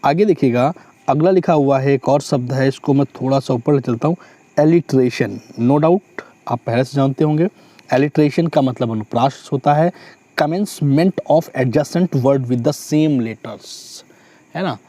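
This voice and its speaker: A man teaching a vocabulary lesson, who explains slowly, repeats each meaning and often adds a tag question. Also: medium pitch, dark tone.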